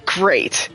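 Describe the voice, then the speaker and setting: Lively, foul-mouthed woman streamer. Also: a little high, husky. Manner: profane, playfully dramatic, laughs often. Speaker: game streamer. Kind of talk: live gameplay stream chat. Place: her room at home.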